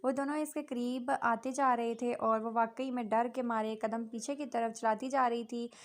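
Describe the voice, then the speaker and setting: Lady reading a romance novel out loud, steady, kinda high pitched. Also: moderate pace. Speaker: novel reader.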